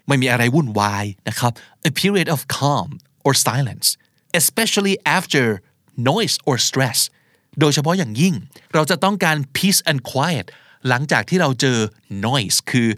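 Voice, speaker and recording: A male English teacher from Thailand explains vocabulary in a chatty, expressive way. His voice rises and falls a lot. The sound is dry and close. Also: medium pitch, no echo. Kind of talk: casual explanatory lesson.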